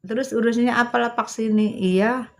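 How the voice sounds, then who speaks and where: A middle-aged woman, talking into her phone on a livestream. Her voice sits a little high. She teases and sasses her viewers in loose slang, taking her words slowly and carefully. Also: fairly even intonation, vocal fry. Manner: sassy, teasing, slangy, talks slowly and carefully. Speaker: livestream host. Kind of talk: casual livestream chat reading viewer comments.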